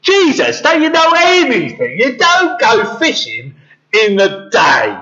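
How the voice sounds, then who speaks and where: A man's voice: high-pitched, wildly swooping pitch, takes it slowly, a bit bright, dull audio, heavily acted. Peter, as a man puts him on, glum fisherman. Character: glum grown fisherman Peter, easily discouraged.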